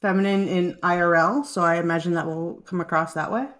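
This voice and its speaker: A woman's voice: fairly low pitch, steady tone, brisk, fairly bright tone. A woman chatting casually on a group call as a tabletop player, laughing often and restarting sentences.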